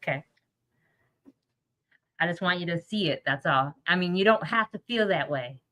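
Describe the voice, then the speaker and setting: A woman's voice: on the low side, lively intonation, moderate pace, bright, forceful tone. A woman hosting a podcast, asking questions in a casual group conversation with an informal, encouraging manner. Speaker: podcast host.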